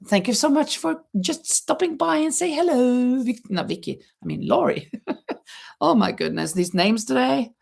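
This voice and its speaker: A middle-aged Norwegian woman hosts a casual livestream from her home near a terrace, chatting and reading viewer comments aloud. Her high, gravelly voice has a darkish tone and lively intonation at normal speed. She laughs a lot and frequently restarts words.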